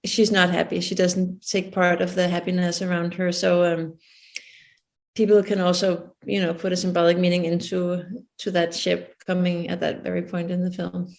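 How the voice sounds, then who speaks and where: A woman's voice: fairly low pitch, monotone, normal speed, gravelly. A woman from Denmark with a Danish accent, a film producer answering interview questions thoughtfully and searching for her words.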